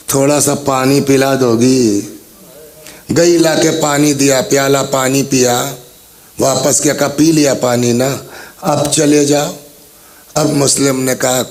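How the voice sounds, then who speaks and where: Man preaching a majlis, gravelly voice, acts out the story's people, talks straight to the crowd. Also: medium pitch. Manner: dramatic storytelling, voicing the people in the tale; addresses the gathering directly. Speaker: religious orator. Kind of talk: Muharram majlis sermon.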